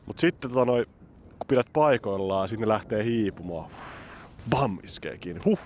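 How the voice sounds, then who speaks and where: Out on a frozen lake in the city, this Helsinki man chats excitedly through his fishing vlog, walking viewers through his technique. His voice sits fairly low, and the narration stays loose and casual.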